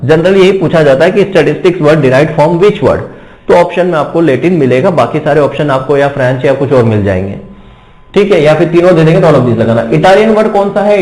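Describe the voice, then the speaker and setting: A man teaching an exam-prep statistics lecture, who explains slowly, repeats key words and answers his own questions. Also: on the high side, a little mellow, roomy sound, poor audio.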